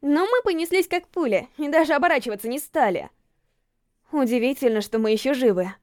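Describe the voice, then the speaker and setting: High-voiced woman reading a story. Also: fairly quick, no room sound, clean studio sound. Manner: lively first-person storytelling. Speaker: narrator.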